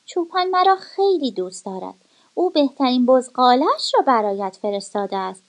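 A clever little lame goat kid voiced by a woman in a children's storybook, coaxing and persuasive. The voice sits high and bright, rising and falling freely as the kid sweet-talks its way along. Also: very animated.

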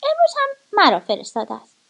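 A woman's voice: very high voice, wildly swooping pitch, gravelly, a bit bright, voice pushed up, exaggerated voice. A woman voicing a clever, lame young goat kid in a storybook reading, coaxing and persuasive.

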